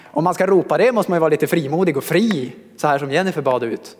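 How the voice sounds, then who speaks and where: A man preaching a sermon to a congregation in a lively, conversational way, joking with the listeners. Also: on the high side, long reverb tail. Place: church hall.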